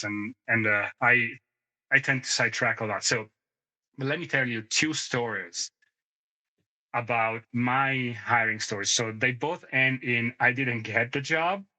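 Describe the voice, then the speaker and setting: A man's voice: medium pitch, bright, forceful tone, poor audio. A man in his thirties, co-hosting a podcast in casual conversation, who tells rambling stories, sidetracks and laughs often. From moved to the United States ten years ago. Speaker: podcast co-host.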